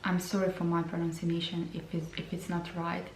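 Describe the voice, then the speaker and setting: A woman reviewing lip products in a slow, hesitant way, often repeating her words. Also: on the low side, monotone, a little hiss or hum. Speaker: beauty vlogger. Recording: roomy sound from a distance.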